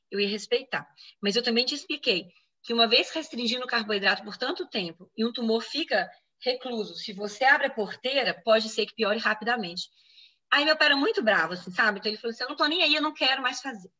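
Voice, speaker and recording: A woman physician from Brazil, with a fairly high-pitched voice, explains a personal medical case in interview answers and quotes what others told her in animated reenactment. The recording's high frequencies are cut off.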